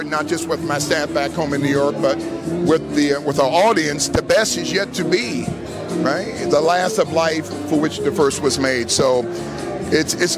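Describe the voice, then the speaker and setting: Uplifting preacherly man over loud music. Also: on the high side. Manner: measured, uplifting oratory. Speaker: bishop and radio show host. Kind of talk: interview remarks. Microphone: handheld mic held by interviewer.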